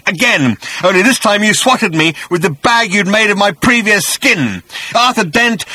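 A man voicing a vengeful, reincarnated male creature spirit with a rumbling, rasping voice that is menacing and swells into furious bellowing. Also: pushed and bright, dry recording, poor audio. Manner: menacing, rising to shrieking fury. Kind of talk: audiobook character voice.

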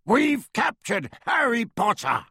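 A brutish werewolf speaks in a rasping, husky growl, loud and gloating, as a male narrator puts him on. It comes from an audiobook, recorded close and dry. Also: very high-pitched, huge pitch swings, takes it slowly, no room sound, pitched above the performer's own voice, full character voice. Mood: triumphant. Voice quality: raspy. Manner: roaring, gloating.

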